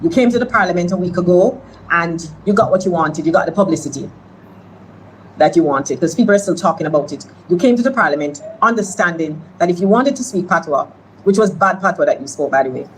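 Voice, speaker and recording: A woman delivers a parliamentary speech in a slow, deliberate, lecturing tone. Her voice sits low for a woman, and faint background noise runs under it. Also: lively intonation, rough recording.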